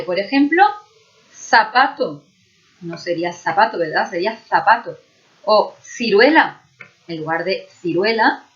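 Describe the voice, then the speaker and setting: Woman, Andalusian accent, mid-pitched teacher voice, patient and checking in often; slightly muffled recording. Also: fairly bright tone. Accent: Andalusian Spanish. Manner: explains patiently, checks understanding with frequent "¿vale?". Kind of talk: video lesson.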